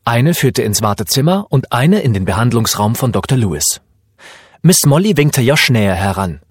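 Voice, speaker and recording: A man narrating a children's story as an audiobook in a lively storytelling manner. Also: mid-range voice, moderate pace, husky, dry recording, clean studio sound.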